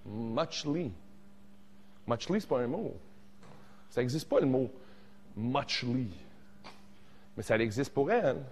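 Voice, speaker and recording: A man in his forties with a Québécois accent, teaching a casual songwriting workshop, joking and animated, tossing in English words. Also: medium pitch, a little slow, pauses often, slightly rough, in a large hall. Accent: Québécois French. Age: 40s.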